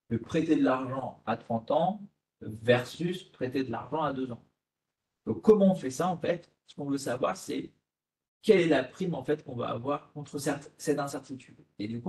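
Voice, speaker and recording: A man's voice: medium pitch, darkish tone. A man, an asset management guest, explaining investment strategy over slides in a conversational way, asking himself rhetorical questions. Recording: echoey room.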